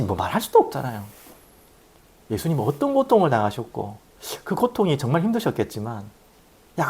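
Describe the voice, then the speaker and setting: A middle-aged male pastor delivering a sermon with a husky, slightly breathy voice. His pitch leaps and falls widely as he tells stories, dropping to hushed asides and rising to loud exclaims. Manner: storytelling, swings from hushed to loud.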